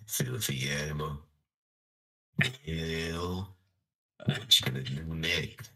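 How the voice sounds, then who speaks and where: Deep gas voice, raspy villain. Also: male voice, extremely slow, bright, forceful tone, heavily acted. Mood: taunting. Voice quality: extremely deep, low raspy gravelly voice, like a deep gas voice. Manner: drawling, taunting. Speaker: caller on a live stream. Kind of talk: trolling call-in banter.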